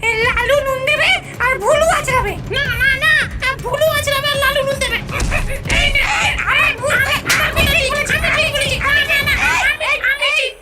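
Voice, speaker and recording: Squeaky bickering cartoon ghosts. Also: female voice, fairly even intonation, moderate pace, loud music behind the voice. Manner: bickering, constantly correcting themselves. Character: two squabbling silly ghost henchmen. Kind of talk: cartoon voice acting.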